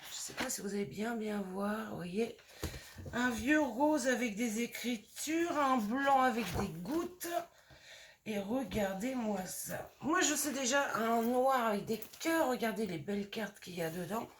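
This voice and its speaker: A woman with a slightly hoarse voice, chatting casually and gushing as she shows off craft supplies in a haul video. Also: a little high, expressive, unhurried, slight background noise. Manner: chatty and gushing, lots of fillers. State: voice a bit hoarse. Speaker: scrapbooking vlogger.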